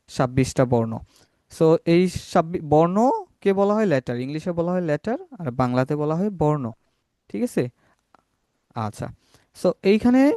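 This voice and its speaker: Slow, patient Bangladeshi man teaching. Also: a little high, mellow, no echo, clean studio sound. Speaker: online English teacher. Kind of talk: teaching pronunciation in an online class. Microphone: laptop or video call mic.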